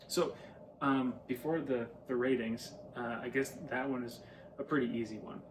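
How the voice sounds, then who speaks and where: A man's voice: mid-range voice, fairly even intonation, moderate pace. A man co-hosting a casual board game chat, rambling and enthusiastic, laughing often. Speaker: podcast co-host. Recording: distant mic with clear background noise.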